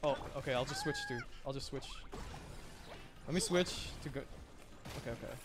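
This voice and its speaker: A young adult man streams himself playing a video game, offering casual live commentary at a moderate pace in a medium-pitched voice. He mutters to himself and lets out frustrated exclamations.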